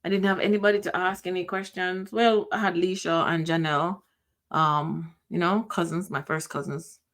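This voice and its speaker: A middle-aged woman with a Jamaican accent hosts her own podcast, giving a personal, reflective monologue. She speaks emotionally, pausing often, restarting sentences and letting some trail off. Her voice is fairly low and fairly bright, with a steady tone.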